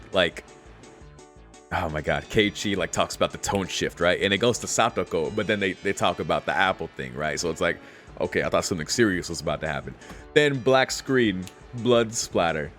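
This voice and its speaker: A gaming streamer with a low-pitched, slightly bright voice reads a visual novel's text aloud. He reacts casually with slangy exclamations and swearing.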